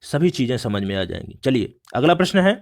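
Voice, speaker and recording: A man's voice: medium pitch, very animated, fairly quick, a little mellow. A male teacher explaining exam questions step by step, often repeating "look" as he walks through each answer. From India. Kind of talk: exam prep lesson.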